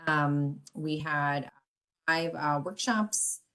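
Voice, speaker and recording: A woman presenting remotely at a public meeting, keeping it brief and hurried, her audio cutting in and out so the volume swings up and down. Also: low voice, sharp tone. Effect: audio cutting in and out, uneven volume.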